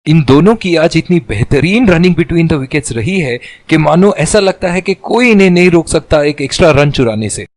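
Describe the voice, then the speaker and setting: A man giving excited cricket commentary as a commentator, exclamatory and full of admiration. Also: a little high, normal speed, few pauses, dry recording, close to an everyday voice.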